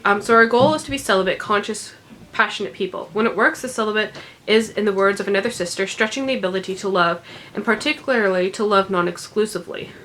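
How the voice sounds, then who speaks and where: A book vlogger with a mid-range, slightly bright voice talks at a quick pace, chatting casually about what she's been reading. Congested as she recovers from sickness, she rambles with many ums and little laughs through this unedited chat. Poor audio with a little hiss or hum.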